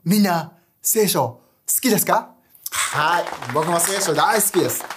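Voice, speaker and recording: A young man preaching a casual online sermon, animated and chatty, often asking his audience questions. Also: high-pitched, unhurried, noisy background. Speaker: youth pastor.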